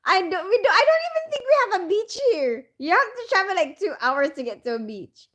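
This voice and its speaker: A vlogger chats casually with her viewers in a very high, very animated voice that's fairly quick and fairly bright. Her talk is full of fillers and asides, and she reads comments out loud.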